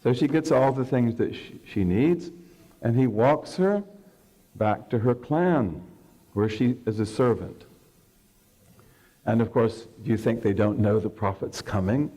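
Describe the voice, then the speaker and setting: Mellow-voiced man lecturing. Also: mid-range voice, a little slow. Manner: conversational, checks in with the audience using "okay". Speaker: Islamic scholar lecturing. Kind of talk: religious lecture with storytelling.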